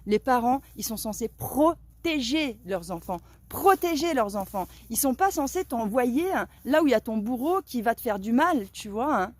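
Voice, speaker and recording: A woman's voice: fairly high pitch, animated, moderate pace, hardly any pauses, no room sound. A woman from Lorraine, France, in her thirties, talking to her viewers in an indignant, emphatic, chatty monologue. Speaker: vlogger.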